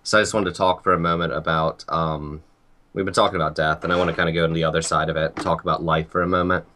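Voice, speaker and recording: Calm young guy, super low voice but kinda bright, earnest chat. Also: fast, a little hiss or hum. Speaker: guest. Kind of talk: casual chat.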